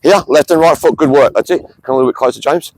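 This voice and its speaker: A football coach runs players through drills on an open field, snapping short commands like "scan" and "go through" between calmer explanations. His voice sits fairly high for a man. Wind and outdoor noise come through clearly on the camera mic. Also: low-quality recording. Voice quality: brisk, clipped shouted commands between calm explanations. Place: outdoor sports field on a windy day.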